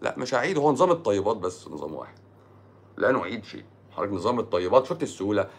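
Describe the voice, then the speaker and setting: A man's voice: fairly low pitch, big pitch swings, racing, vocal fry, husky. A man with an Egyptian accent, a doctor answering viewer comments on a live stream in a sarcastic, mocking way. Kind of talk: casual live-stream talk.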